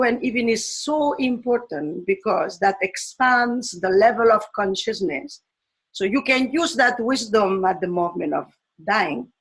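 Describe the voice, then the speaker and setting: A woman from Spain, a teacher giving a slow, thoughtful talk on education, pausing often and restarting her phrases. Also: mid-range voice, poor audio. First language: Spanish.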